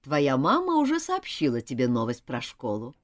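A woman voicing a calm, dry governess who speaks lower and quietly, unbothered. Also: normal speed, full character voice. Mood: cool. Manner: cool and unbothered.

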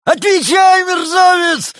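A screaming bad-cop lieutenant. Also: male voice, extremely high pitch, expressive, slow pace, dry recording, studio quality, voice pushed up, full character voice. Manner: shouting, screaming threats and insults. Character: hot-tempered male animal police lieutenant, bad cop. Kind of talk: audiobook character voice.

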